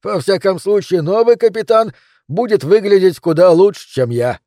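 A gruff, aging police captain, played by a man, trades wry banter in a raised, pushed-up voice. The tone is dark and mellow, and the take is dry and close-miked. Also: high voice, lively intonation, normal speed, no room sound, pitched above the performer's own voice.

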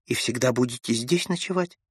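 A man voicing a ghostly lady in an old-fashioned dress, speaking low, hushed and plaintive in an audiobook. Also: fairly quick, slightly rough, no echo, studio quality, close to an everyday voice. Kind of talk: audiobook character voice.

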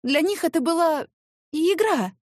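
A woman voicing a flustered, defensive young secretary who pleads and exclaims in a high, shrill voice. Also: lively intonation, a little slow, no room sound, clean studio sound. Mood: quiet, earnest.

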